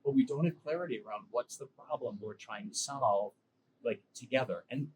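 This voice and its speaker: A man's voice: medium pitch, normal speed, husky, low-quality recording. A middle-aged man talking as a guest inside a car, earnest and repeating words as he thinks. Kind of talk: casual chat.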